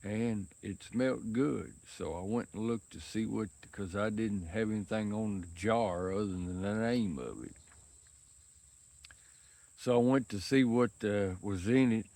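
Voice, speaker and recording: A man's voice: lowish voice, measured pace, darkish tone. A worn-out man talking casually outdoors on a windy day, rambling in a folksy rural way about his pipe. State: worn out and sweaty from work. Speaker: pipe-smoking vlogger.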